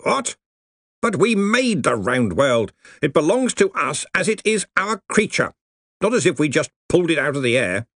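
A man voicing a pompous, hearty older head wizard who drawls slowly. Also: a little high, very animated, fairly bright tone, no echo, studio quality, voice pushed up, full character voice. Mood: jovial. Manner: slow, beaming, drawn-out delivery.

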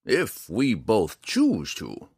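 A man voicing a proud, blind old hermit archer who speaks slowly and halts while searching for words. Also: lowish voice, huge pitch swings, vocal fry, darkish tone, slightly rough, no room sound, studio quality, pitched above the performer's own voice, exaggerated voice. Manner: slow, drawn-out delivery.

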